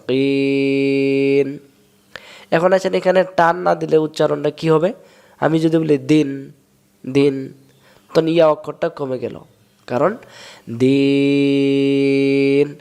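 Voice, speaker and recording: A man from Bangladesh, teaching Quran reading step by step and drawing out sounds slowly to show them. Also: mid-range voice, vocal fry, darkish tone. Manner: explains step by step, drawls sounds slowly to demonstrate. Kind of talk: recitation lesson.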